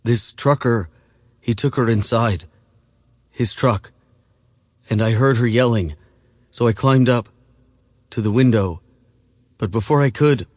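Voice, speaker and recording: A man reading an audiobook voices a frightened, skinny nineteen-year-old runaway boy who speaks in halting, broken phrases and cries. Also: medium pitch, a little mellow, dry recording, clean studio sound, natural voice. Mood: sobbing. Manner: halting, fragmented speech, crying.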